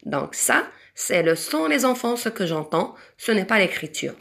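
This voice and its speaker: A woman with a Moroccan accent teaching a French spelling lesson to young children, speaking slowly and patiently and drawing out each example word. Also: medium pitch, very animated, vocal fry, fairly bright tone. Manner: slow, patient, sing-song, stretches out example words. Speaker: primary school French teacher.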